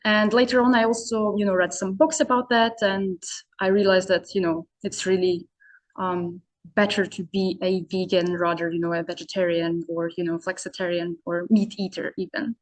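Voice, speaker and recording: A woman's voice: on the low side, little pitch movement, normal speed. A young adult woman from Serbia, an English speaker, talking in a casual interview as a podcast guest, full of hesitant fillers like "you know" and "um". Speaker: podcast guest, founder of an online business community.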